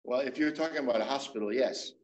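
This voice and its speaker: A man in his seventies, a traditional medicine doctor, explaining things in a measured way as an interview guest, often restarting his sentences. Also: medium pitch, a little mellow, dull audio. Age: 70s. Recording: roomy echo.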